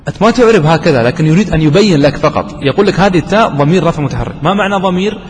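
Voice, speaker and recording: A man's voice: fairly high pitch, expressive. Man teaching grammar in an echoing hall. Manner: asks students questions and answers them himself; slows to stress key terms. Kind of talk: classroom lesson. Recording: distant voice with long reverb and faint noise.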